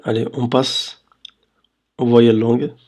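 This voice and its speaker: Guy teaching, super slow and patient, stretches out syllables, keeps asking if you got it. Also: mid-range voice, little pitch movement, darkish tone. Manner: patient, checks understanding with "d'accord?"; drawls syllables slowly for demonstration. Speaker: Arabic reading teacher. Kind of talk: slow screen-recorded lesson.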